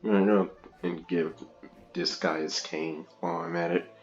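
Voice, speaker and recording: A man's voice: low voice, steady tone, moderate pace, muffled recording, soft background music. A man hosting a casual let's-play, chatting and rambling with frequent laughs through a gaming headset. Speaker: gamer, video host.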